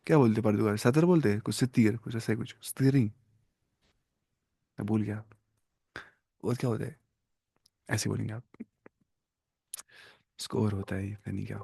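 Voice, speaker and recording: A man's voice: lowish voice, vocal fry, pauses often, warm tone, breathy edge, dry recording. Guy teaching a language class, asks students questions and says well done a lot, dry close sound. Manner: quizzes students patiently, praises answers; mixes English words into explanations. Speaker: Arabic teacher. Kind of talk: classroom-style language lesson.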